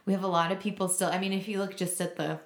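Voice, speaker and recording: This podcast co-host talks fast in a medium-pitched voice with fairly level intonation, keeping the conversation casual. Her audio carries a roomy echo.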